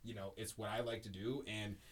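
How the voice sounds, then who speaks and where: Here a man with a fairly low, flat voice hosts a podcast, speaking slightly quickly in relaxed conversation. His storytelling is emphatic yet wandering, thick with fillers like um and frequent restarts.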